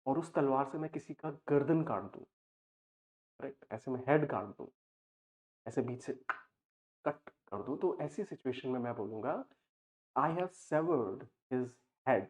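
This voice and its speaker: A young adult man teaching vocabulary for exam prep, explaining patiently and slowing down to read example sentences aloud. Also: medium pitch, darkish tone. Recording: tinny phone-like audio.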